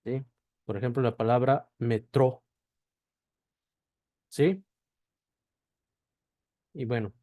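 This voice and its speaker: Male teacher, unhurried, warm low tone, keeps asking "¿sí?". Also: no room sound. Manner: checks in with a constant "¿sí?" after each point; spells out sounds slowly, one at a time. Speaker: language teacher. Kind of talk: slow classroom explanation.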